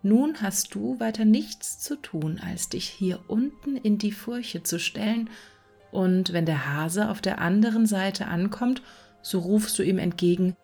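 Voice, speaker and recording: A woman's voice: medium pitch, unhurried, dark tone, soft background music. A woman voicing a cocky male hedgehog who curtly orders his wife around. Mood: bossy. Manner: curt, commanding.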